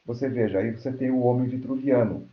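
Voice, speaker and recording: A man's voice: mid-range voice, fairly quick. A Brazilian man giving an academic lecture, explaining step by step and often checking in with "right?". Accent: Brazilian Portuguese. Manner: explanatory, frequent checking tags like "né?" and "certo?". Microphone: computer mic on an online lecture platform. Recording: roomy, dull lo-fi online call audio.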